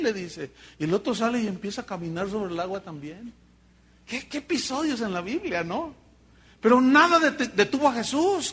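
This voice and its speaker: A Mexican pastor preaching with a high, bright voice. He tells Bible stories in an animated way and breaks into joking asides to his congregation. The tone stays bright and forceful throughout. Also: husky. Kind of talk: sermon.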